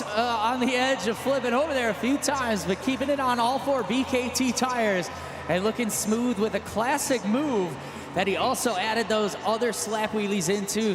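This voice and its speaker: Hyped, high-pitched male stadium commentator. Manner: hyped, shouting, emphatic. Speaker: event commentator announcer. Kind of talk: excited live play-by-play sports commentary. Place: large stadium event. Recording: echoey stadium PA, loud engine noise.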